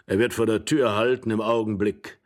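A man reading aloud and voicing a tall, curt gentleman with a hoarse voice who speaks in short muttered phrases. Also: lowish voice, steady tone, normal speed, lightly acted.

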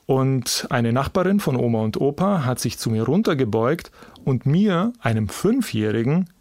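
A male podcast host reads his scripted narration at a medium pitch. His delivery is personal and story-like, with a dry, close sound and no room echo. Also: big pitch swings, normal speed, darkish tone.

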